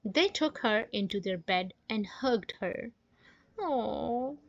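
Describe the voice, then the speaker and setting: A woman storyteller reading a children's bedtime story aloud, slow and expressive. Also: mid-range voice, no echo. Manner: slow, expressive, sing-song. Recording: dull lo-fi dry recording.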